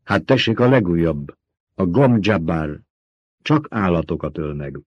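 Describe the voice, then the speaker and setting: A man voicing a stern, menacing old priestess, commanding and sharp in a dull lo-fi audiobook recording. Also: deep voice, expressive, husky, no room sound. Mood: mocking.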